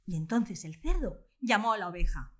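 Animated woman telling a children's story. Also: mid-range voice, moderate pace, reverberant. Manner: animated, expressive.

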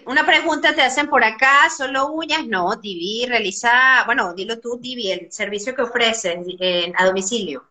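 A Venezuelan woman hosting an interview, encouraging her guest and praising her warmly. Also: fairly high pitch, moderate pace, few pauses. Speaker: podcast host.

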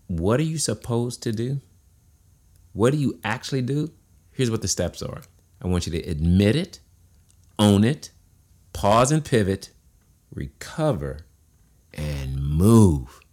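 A man's voice: on the low side, sing-song, measured pace, pauses often, darkish tone. A man giving a motivational monologue, asking rhetorical questions and repeating key phrases in a preachy way. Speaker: motivational speaker.

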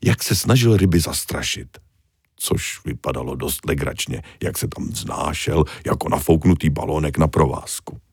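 A man reading a children's storybook aloud with even, gently humorous narration. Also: rumbling low, slightly rough, dry recording, clean studio sound.

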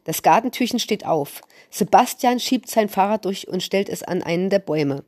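A woman reading a children's story aloud in a calm, even storyteller manner, close to the mic. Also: mid-range voice, normal speed, no echo.

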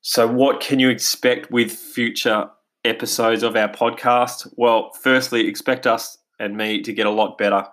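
Speaking unhurriedly in a mid-range, slightly bright voice with little pitch movement, a middle-aged Australian man hosts his own podcast. It's an eager, casual monologue with lots of fillers and restarts, captured on basic home recording gear.

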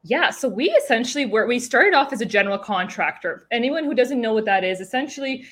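A woman's voice: fairly high pitch, expressive, brisk, fairly bright tone. A woman in her thirties from Serbia, telling her story as a podcast guest in a chatty way, with many fillers and restarts. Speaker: podcast guest, car saleswoman. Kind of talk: casual interview chat.

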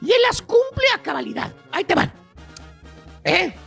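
Brief: shrill gravelly Mexican comic professor, slangy and rambling, radio comedy bit. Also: male voice, big pitch swings, moderate pace, bright, forceful tone, soft background music, full character voice. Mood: storytelling. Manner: rambling, slangy, keeps saying "güey" and "fíjate nada más". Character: squeaky-voiced male joke professor lecturing on rustic types. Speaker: comedy segment presenter.

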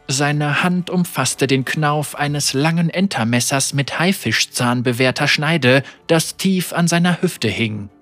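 A man reading an audiobook story as narrator, with measured, vivid storytelling. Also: a little high, a bit bright, faint music behind. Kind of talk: scripted narration.

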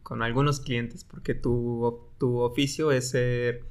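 A man's voice: medium pitch, flat delivery, slow, smooth. A man with a Mexican accent hosting a casual podcast, talking in loose slang and egging on his guest. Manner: loose, slangy, laughs along. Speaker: podcast host.

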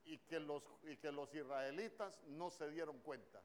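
A man's voice: a little high, measured pace, slight background noise. A man preaching a sermon in a church, with a Honduran Spanish accent, throwing questions at the congregation.

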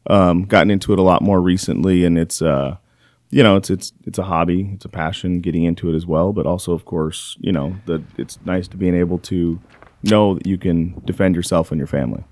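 A man's voice: low-pitched, steady tone, brisk, darkish tone. A man who is a company general manager, chatting as a guest on a podcast in an easygoing way with short replies. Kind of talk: casual chat.

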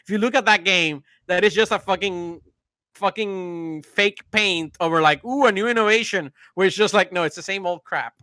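Bright-voiced blunt male host. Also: sits high, steady tone, normal speed, dry recording, studio quality. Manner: blunt, swears freely. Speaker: podcast host. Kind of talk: casual panel chat.

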